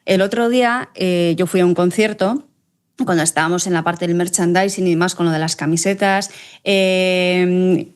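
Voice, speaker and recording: A woman's voice: lowish voice, normal speed, smooth. Colloquial woman telling stories. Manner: lively storyteller, colloquial. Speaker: podcast co-host. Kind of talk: casual anecdotal chat.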